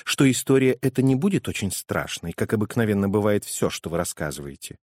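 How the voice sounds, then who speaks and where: A man's voice: fairly low pitch, big pitch swings, a little fast, a little mellow, dry recording, studio quality. A man voicing a proper, reproving mother in a storybook, speaking primly.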